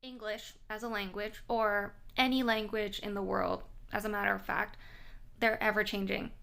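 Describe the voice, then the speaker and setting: Speaking English to camera, this young vlogger from Thailand, whose native language is Thai, chats casually with frequent fillers and laughter. Her mid-range voice is gravelly, fairly bright and flat in pitch, at a moderate pace.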